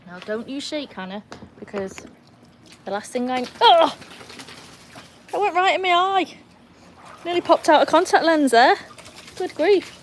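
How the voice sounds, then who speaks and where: Speaking in a high, expressive voice, this livestream host takes her time and leaves long pauses. She's a young woman from Wales with a mixed Welsh-English accent, chatting poolside outdoors, reading out chat comments and laughing readily, while a little background noise sits underneath.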